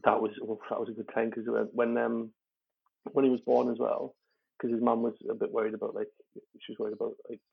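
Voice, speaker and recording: A man rattles through a candid, rambling story, his husky, gravelly voice staying flat in pitch. He swears freely and restarts his sentences often. The audio is lo-fi and thin, like a phone line. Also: fast. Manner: rambling, with frequent fillers and restarts; swears freely and laughs while talking. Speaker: stand-up comedian guest.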